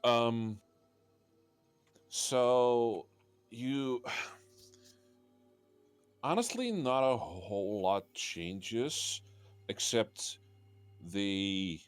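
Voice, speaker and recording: A man speaks slowly and hesitantly as a player at a tabletop game, searching for words mid-sentence. His voice is clear and smooth. Faint music plays in the background. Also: mid-range voice, lively intonation, dry recording. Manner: halting, gropes for words. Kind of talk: casual in-character play description.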